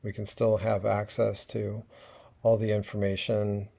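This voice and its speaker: A man speaks in a relaxed, conversational way, pausing often with small fillers. His voice sits low and sounds mellow and warm. It comes through the kind of microphone used on a video call. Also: gravelly. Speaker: webinar presenter. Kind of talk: casual educational talk.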